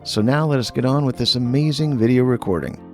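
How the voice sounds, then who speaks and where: A man's voice: medium pitch, brisk, darkish tone. A man reading scripted narration as a narrator introducing archive material. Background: faint music.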